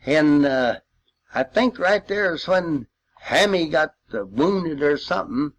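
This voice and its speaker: A World War II veteran in his eighties or older shares memories in informal reminiscence, speaking slowly in a high-pitched voice with lively intonation. His storytelling is folksy and rambling, full of old-time expressions.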